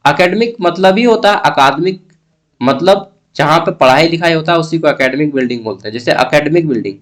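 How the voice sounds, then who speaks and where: A young man giving an exam-prep lecture, explaining slowly and checking in often as he goes. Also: a little high, lively intonation. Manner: explains slowly with Hindi-English mixing and frequent "theek hai". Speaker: teacher.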